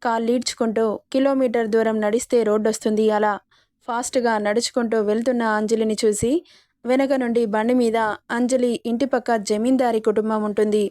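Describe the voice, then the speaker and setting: Even-toned woman storyteller. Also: a little high, a little fast, no echo, studio quality. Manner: steady, even reading. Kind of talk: storybook narration.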